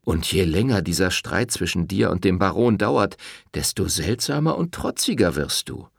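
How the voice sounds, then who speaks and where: A man voicing an uneasy village priest in an audiobook reading, speaking slowly and hesitantly in a soothing, sighing manner. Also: low voice, very animated, creaky, husky, no room sound, clean studio sound, full character voice. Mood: placating.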